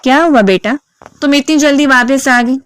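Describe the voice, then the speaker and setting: A woman's voice: sits high, dry recording, pitched above the performer's own voice, natural voice. A woman reading the lines of a protective father who is a former soldier in a storybook narration, caring but stern in manner.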